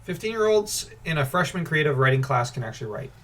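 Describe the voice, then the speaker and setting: A young man co-hosting a casual podcast reads film reviews aloud and mocks them, ranting animatedly with sarcasm and lots of laughter. His voice is on the high side and fast.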